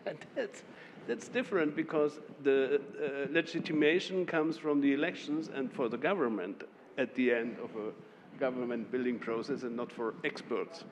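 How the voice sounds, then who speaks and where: A man's voice: mid-range voice, background noise. German-accented man on a conference panel. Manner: measured, with short laughs and restarts. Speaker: Member of the European Parliament. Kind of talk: panel discussion. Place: conference hall. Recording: reverberant hall with faint ambience.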